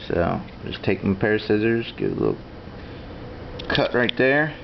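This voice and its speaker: Low-voiced man giving a casual hands-on tutorial. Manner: plainspoken, matter-of-fact. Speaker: instructor demonstrating duck call tuning. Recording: dull lo-fi sound with clear background noise.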